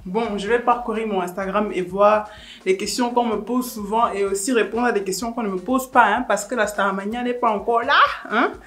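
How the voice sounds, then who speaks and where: A woman's voice: medium pitch, steady tone, brisk, a bit bright. A woman, chatting casually through viewer questions in a teasing, laughing way. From Cameroon. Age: 20s. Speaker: YouTuber. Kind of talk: casual vlog Q&A.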